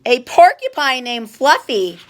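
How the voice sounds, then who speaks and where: A woman voicing a big, rude male rhinoceros in a storybook read-aloud, loud and laughing. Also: sits high, sing-song, measured pace. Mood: helpless laughter. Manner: loud, bursts into howling laughter.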